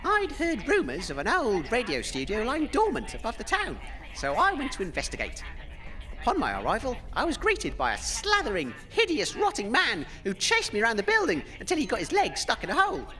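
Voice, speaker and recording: A man gives a full character voice, extremely high in pitch, brisk, pushed and bright, with huge pitch swings. He plays a boastful, pompous British wasteland radio DJ in a comedy audio drama, easily flustered and hesitant when challenged as he spins self-important anecdotes.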